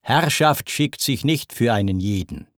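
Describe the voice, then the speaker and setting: A man's voice: mid-range voice, animated, a little slow, no echo, studio quality, close to an everyday voice. A man voicing a proud, jealous male sea god in a spoken verse epic, blustering and indignant.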